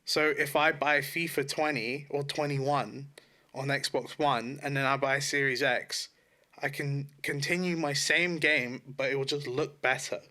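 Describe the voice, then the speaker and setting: This man co-hosts a podcast, his medium-pitched voice sharp in tone, fairly even in intonation and measured in pace. The conversation is loose and sweary, and he keeps revising what he's just said.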